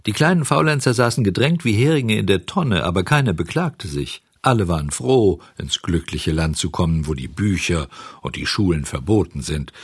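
A man reading a children's storybook aloud in a lively, expressive way. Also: fairly low pitch, slightly rough, dry recording, studio quality. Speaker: narrator.

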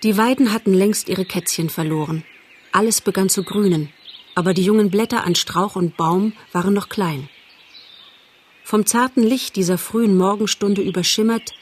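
A woman reading a classic animal novel aloud as an audiobook narrator, measured and even. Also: mid-range voice, a little hiss or hum.

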